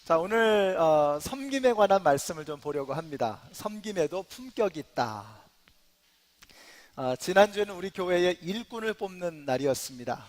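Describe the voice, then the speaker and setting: A man in his forties with a high voice preaches a sermon in a church. He talks in a relaxed conversational way, with filler sounds, then builds into emphatic, rising lines. His voice rings with the long reverb of the hall. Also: normal speed. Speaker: pastor. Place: church sanctuary.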